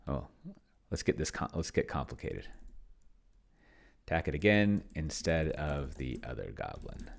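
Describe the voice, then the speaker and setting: Muttering and thinking aloud as he types, a man rambles casually through commentary on a solo tabletop game in a screen recording. His voice rumbles low with a sing-song lilt and vocal fry, unhurried and often pausing. Keyboard typing sounds in the background.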